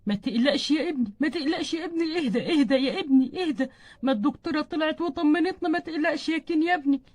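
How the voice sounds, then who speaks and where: A warm-hearted older grandfather in a children's doll story, voiced by a woman with an Egyptian Arabic accent. He soothes and gently scolds in a high voice, talking very fast. The sound is dry and close. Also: dry recording, close to an everyday voice. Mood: reassuring. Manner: calming and gently chiding. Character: kindly older grandfather, reassuring.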